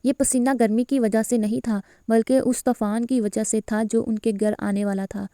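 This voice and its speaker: Female audiobook reader, steady novel narration, mellow and smooth, fairly high. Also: no room sound, clean studio sound. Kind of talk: reading a romantic novel aloud.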